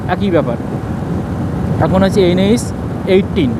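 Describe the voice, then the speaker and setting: A man's voice: high-pitched, animated, a little slow. A man casually narrates a travel vlog, explaining things informally. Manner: informal, explanatory, giving route advice. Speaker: travel vlogger. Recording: noisy outdoor road and vehicle sound.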